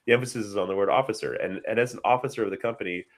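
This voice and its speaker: A man's voice: fairly low pitch, very fast. A man hosting a casual panel chat over a video call, stressing key words emphatically and laughing lightly. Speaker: host.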